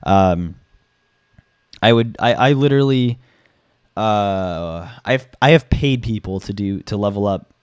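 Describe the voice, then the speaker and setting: A hoarse young man giving his opinion in a casual vlog, rambling with many fillers and restarts and the odd swear. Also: fairly low pitch, takes it slowly, long pauses, no room sound, clean studio sound. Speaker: gaming YouTuber.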